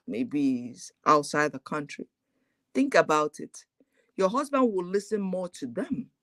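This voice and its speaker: A woman guest talks over a remote call in a lively, chatty way and laughs easily. Her voice comes through dry and close, with no room sound around it. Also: fairly low pitch, no room sound. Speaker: guest YouTuber. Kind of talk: casual live chat.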